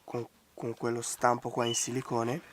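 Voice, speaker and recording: Uomo con voce che cede per il raffreddore. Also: male voice, medium pitch, completely flat delivery, normal speed, noisy background. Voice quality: voice giving out, hoarse from a cold. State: congested, strained voice from a bad cold. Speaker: craft tutorial host. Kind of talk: casual hands-on DIY commentary. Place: outdoors in a garden.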